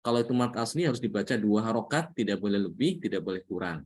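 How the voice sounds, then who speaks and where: A man's voice: on the low side, animated, quick pace, a little mellow, slightly rough. A man with an Indonesian accent teaching a Quran recitation lesson, patiently repeating each point and often adding "ya". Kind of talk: religious lesson.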